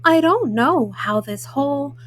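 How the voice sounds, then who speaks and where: A woman voicing a folksy, self-justifying male wolf in a storybook, haltingly, with frequent uhs. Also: high voice, animated, a little hiss or hum. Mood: self-justifying, matter-of-fact. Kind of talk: storybook read-aloud in first person.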